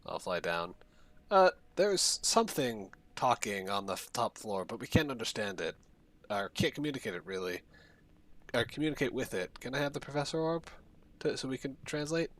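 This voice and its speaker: A man's voice: mid-range voice, very animated, moderate pace, a bit bright. A man playing in a tabletop game, talking casually and joking with the table. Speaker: player.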